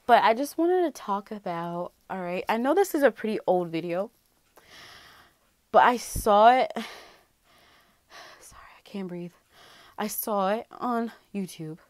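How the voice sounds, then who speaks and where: A woman's voice: mid-range voice, animated, unhurried, darkish tone, dry recording, studio quality. A woman talking casually to her channel in a rambling way, full of fillers and restarts, as she reacts to a video. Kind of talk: casual reaction vlog chat.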